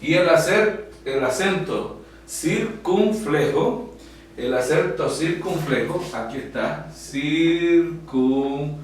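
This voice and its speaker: A man teaching a class, explaining slowly with frequent pauses and fillers at a whiteboard. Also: fairly high pitch, lively intonation. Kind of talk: classroom lecture. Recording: echoey room from far off, faint hum.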